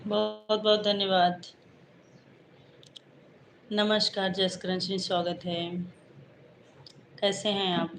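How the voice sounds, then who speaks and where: A woman's voice: medium pitch, level tone, slow pace, long pauses. A woman hosting a casual livestream, greeting viewers by name and answering their comments one by one. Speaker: livestream host. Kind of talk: casual live chat with viewers. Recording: echoey room with background noise.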